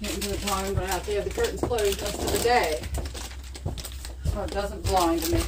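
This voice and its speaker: Speaking brisk and mid-range with fairly even intonation, this older Nova Scotian woman chats, teases and laughs a lot in a casual home vlog. She films on a phone at arm's length, moving from a parked truck to her kitchen, and the audio is noisy.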